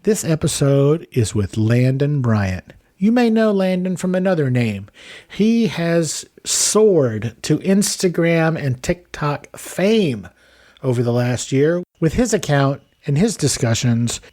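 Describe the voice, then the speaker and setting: A man's voice: fairly high pitch, dark tone. A middle-aged podcast host from Texas talks in a loose, chatty way. He cuts himself off mid-thought and drops in "dude" and "man" as he goes. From San Antonio, Texas. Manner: chatty, self-interrupting, says "dude" and "man". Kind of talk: casual podcast interview and intro.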